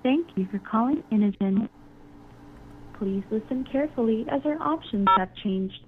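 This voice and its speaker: A woman's voice in a recorded phone menu message, reading options in a measured, even way. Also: a little high. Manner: measured, evenly paced reading. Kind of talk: automated phone menu announcement. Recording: tinny phone line with faint hiss.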